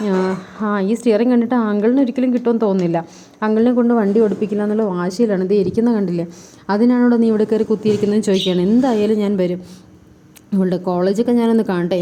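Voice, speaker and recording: A woman's voice: medium pitch, dark tone, slight background noise. A woman vlogger casually retelling a TV serial episode in a chatty way, lightly acting out the characters' dialogue. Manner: chatty, keeps adding a tag word at line ends, acts out the dialogue lightly.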